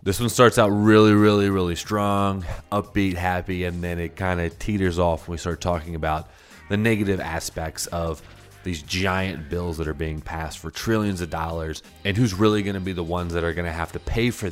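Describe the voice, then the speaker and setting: A young man hosting a podcast in casual chat, upbeat and quick to laugh. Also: deep voice, steady tone, faint music behind. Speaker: podcast host.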